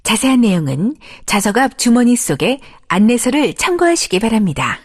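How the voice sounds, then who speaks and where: A woman's voice: fairly high pitch, sing-song, normal speed, husky. A woman reading a scripted plane cabin safety announcement in a formal, polite way, as a flight attendant.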